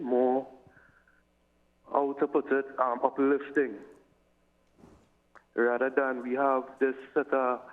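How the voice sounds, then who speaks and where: A man calling in to a radio panel, speaking earnestly and searching for words. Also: mid-range voice. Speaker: caller. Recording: tinny phone line.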